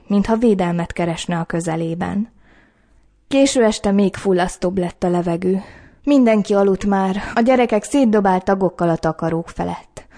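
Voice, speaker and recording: A woman reading a novel aloud as audiobook narration, with calm, measured storytelling. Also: mid-range voice. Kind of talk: scripted narration.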